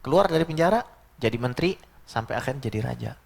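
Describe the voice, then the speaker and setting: A man's voice: medium pitch, lively intonation, fast, vocal fry. A man preaching at a mosque lecture in a chatty way, often reciting Arabic verses and acting out other voices. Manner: conversational, quotes Arabic verses and acts out voices.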